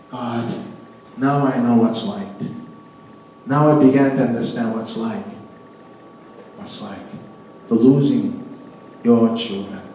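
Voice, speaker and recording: A middle-aged man, a pastor, giving a sermon as an animated storyteller who laughs often and repeats and restarts his words. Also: mid-range voice, drawn-out words, long pauses, a little hiss or hum. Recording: echoey hall, mic at a distance.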